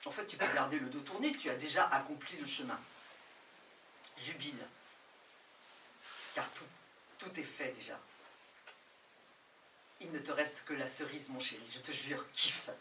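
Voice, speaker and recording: A woman's voice: very deep voice, normal speed, pauses often, bright, forceful tone, slight background noise. A woman performing an intense, theatrical poetic monologue, speaking directly to a listener. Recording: roomy and distant from the mic.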